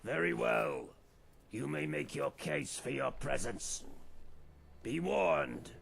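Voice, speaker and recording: An actor playing a theatrical ghoul man in a video game, with a raspy voice and a grandiose way of talking. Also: a little high, slow pace, fairly bright tone, full character voice. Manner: grandiose and theatrical, dropping into weary plain talk. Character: theatrical ghoul man posing as pompous alien interloper-hunter. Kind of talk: video game character dialogue.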